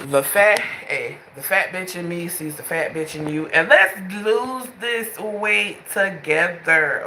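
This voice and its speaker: A woman's voice: fairly low pitch, sharp tone, a little hiss or hum. Young woman, twenties, frank rambling vlogger at home, roomy phone sound. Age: 20s. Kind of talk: casual late-night vlog. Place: home bedroom at night. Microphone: phone held in hand.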